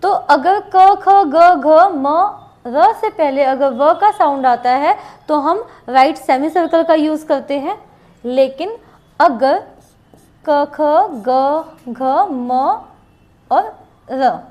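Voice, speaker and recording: A woman teaching shorthand, slowly spelling out letters and repeating each example word twice. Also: high-pitched, animated, a little mellow. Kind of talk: classroom lesson with board writing.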